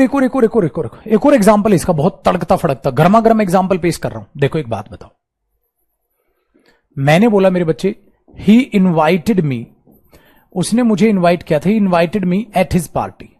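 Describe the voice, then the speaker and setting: A male grammar teacher with an Indian English accent lectures in a high, lively voice that jumps up and down as he acts out little exchanges. He calls his students "beta" and mixes Hindi and English as he teaches. His voice sits above the usual range for a man. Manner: animated, acts out student replies and little dialogues. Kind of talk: online coaching class lecture.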